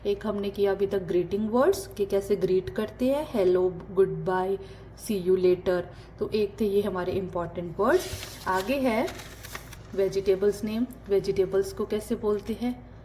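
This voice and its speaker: Slow, patient woman teaching a lesson. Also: mid-range voice, warm tone, a little hiss or hum. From Punjab, India. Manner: slow, repeats words for learners; patient explaining with hesitant fillers. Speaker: language teacher. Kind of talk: spoken language lesson.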